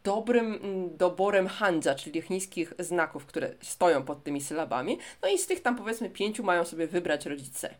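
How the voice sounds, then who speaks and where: A woman's voice: fairly low pitch, lively intonation, moderate pace, few pauses. Woman co-host explaining at length. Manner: explains at length, addresses listeners. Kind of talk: casual podcast chat.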